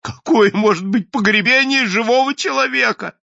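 A man doing a loud, pompous bureaucrat boss. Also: very high voice, normal speed, creaky, no echo, lo-fi sound, pitched above the performer's own voice, full character voice. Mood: dismissive. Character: hot-tempered bureaucrat boss, pompous middle-aged man.

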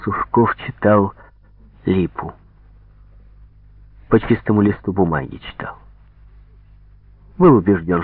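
Male storyteller: low, lively expressive reading, husky, tinny radio audio. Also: dry recording. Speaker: narrator. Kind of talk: audiobook reading with character voices.

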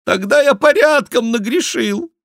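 A man voicing a mocking male court jester who makes a loud, nasal, theatrical mock confession. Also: a little slow, no room sound, studio quality. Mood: mock-tearful. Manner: loud, theatrical, high-pitched mock repentance.

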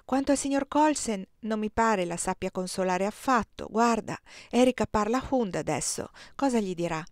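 A woman's voice: mid-range voice, expressive, normal speed, dry recording, clean studio sound, lightly acted. A woman reading the lines of an anxious young girl in an audiobook. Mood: wondering.

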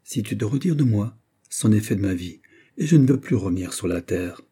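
Man doing brooding young nobleman, tender, pleading, dark husky voice, audiobook. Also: on the low side, lively intonation, brisk. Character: pale brooding young nobleman, lovestruck and tearful.

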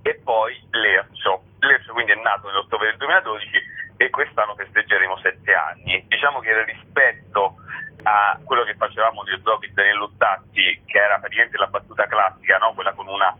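On a thin, tinny phone line carried over radio, a satirical writer speaks as an interview guest. His voice is lowish and brisk with fairly flat intonation, and he explains his work chattily, using lots of filler words.

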